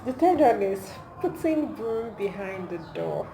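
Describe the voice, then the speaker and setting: A woman's voice: fairly high pitch, a little slow, over music. A woman with a Nigerian accent, chatting casually in an amused, emphatic way as she films a comedic vlog on her phone. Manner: amused, animated, emphatic with rhetorical questions. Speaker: video creator. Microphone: phone camera. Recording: echoey room, clear background noise, phone recording.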